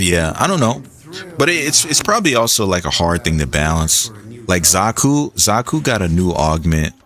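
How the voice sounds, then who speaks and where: A young man streaming a game and chatting in a loose, rambling way, full of restarts and "like". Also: sits low. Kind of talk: casual gaming commentary.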